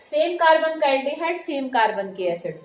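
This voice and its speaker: Woman chemistry teacher, high voice, echoey classroom, keeps checking the class follows. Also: big pitch swings, moderate pace. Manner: checks understanding often, calls students "beta". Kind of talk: classroom lecture mixing Hindi and English terms. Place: classroom with students answering. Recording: echoey room with faint noise.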